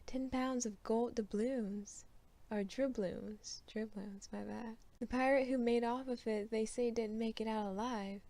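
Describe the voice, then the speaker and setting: A woman voicing a squeaky-voiced, many-eyed alien man who swaps treasure stories in a chatty tone. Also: fairly even intonation, a little slow, few pauses, dark tone. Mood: gossiping.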